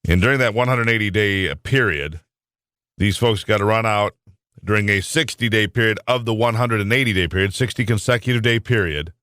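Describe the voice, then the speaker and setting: A man's voice: fairly low pitch, a little fast, pushed and bright, clean tone, dry recording. A man hosting a talk radio show, running through the day's news in a conversational way with dry, wry asides.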